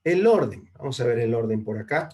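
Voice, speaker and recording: Young male teacher, video call class, patient and repetitive, medium-pitched voice, checks in with students often. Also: animated, a little fast, dark tone. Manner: patient, repeats and checks with "¿no?" and "¿verdad?". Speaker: English teacher. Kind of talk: online class explanation.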